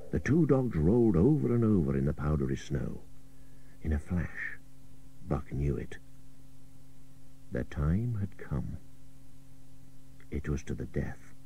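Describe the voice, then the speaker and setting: Heard on a dull old radio cassette, a man reads an adventure tale in a rumbling low, dark voice, playing the dramatic narrator with suspenseful, theatrical flair.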